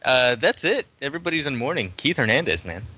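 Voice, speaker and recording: Guy with a bright forceful voice, deadpan jokes, dry lo-fi podcast sound. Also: medium pitch, fast, husky, dry recording. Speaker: podcast co-host. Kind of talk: casual chat. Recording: dry, dull lo-fi audio.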